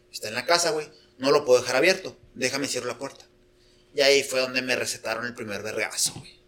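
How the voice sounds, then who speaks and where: Northern mexican dude on his podcast, kinda high bright voice, curses nonstop. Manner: slangy, swears a lot, fills with "güey". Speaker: podcast host. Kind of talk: casual storytelling chat.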